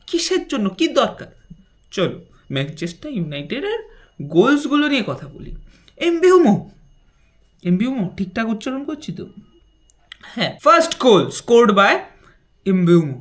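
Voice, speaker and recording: A football reaction vlogger, reacting to a match in an excitable, slangy chat that swings from hushed asides to yelling. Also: mid-range voice.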